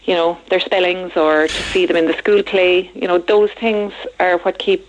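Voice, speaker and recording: A woman's voice: on the low side, level tone, normal speed. Woman, over a landline phone, muffled lo-fi line, hesitant, earnest, lots of fillers. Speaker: caller to a radio show. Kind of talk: radio phone-in call.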